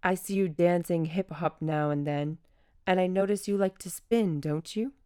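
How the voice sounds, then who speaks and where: A woman voicing a kind, motherly female circus elephant who speaks gently and encouragingly. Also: on the low side, normal speed, clean tone, dry recording, clean studio sound, lightly acted.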